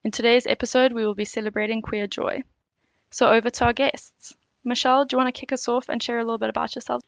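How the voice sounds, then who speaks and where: A woman's voice: a little high, little pitch movement, quick pace, vocal fry, no echo. A woman hosting a podcast, giving upbeat, encouraging introductions and questions. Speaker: podcast host.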